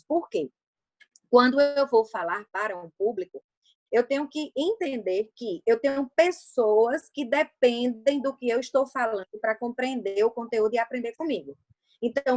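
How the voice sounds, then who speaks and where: A woman's voice: a little high, expressive, normal speed, darkish tone, dry recording. A middle-aged woman from Brazil, a public speaking coach and guest, explaining her craft in a didactic way and asking and answering her own questions. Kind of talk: explanatory talk on a livecast.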